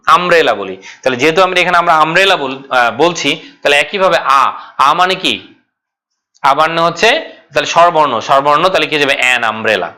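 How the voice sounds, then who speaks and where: A man leads an online grammar class. His voice sits a little high and sounds bright and forceful. He explains step by step, asks questions and answers them himself, and repeats key points. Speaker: English grammar teacher.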